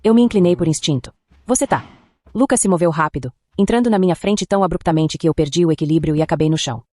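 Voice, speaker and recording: A woman tells a first-person story in a low-pitched voice. She moves through it at a quick clip, steady and even. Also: dry recording. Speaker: story narrator.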